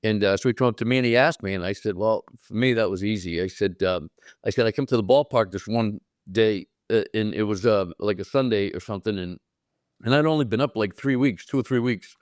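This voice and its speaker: Fast-talking man telling a story. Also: fairly low pitch, dry recording, studio quality. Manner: animated, acts out quotes with raised voice. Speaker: guest, former pro ballplayer. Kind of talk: casual storytelling.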